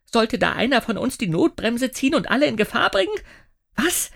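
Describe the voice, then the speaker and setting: A man's voice: very high voice, big pitch swings, fairly quick, creaky, fairly bright tone, pitched above the performer's own voice, full character voice. A man voicing an indignant middle-aged woman train conductor who sobs and then snaps back. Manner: sobbing then snapping indignantly.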